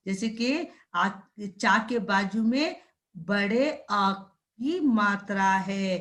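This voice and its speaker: A woman's voice: mid-range voice, expressive, fairly bright tone. A woman teaching a primary school class, sounding out words syllable by syllable and repeatedly checking with the children. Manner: drawn-out syllable-by-syllable pronunciation drills. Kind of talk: slow classroom lesson addressing children.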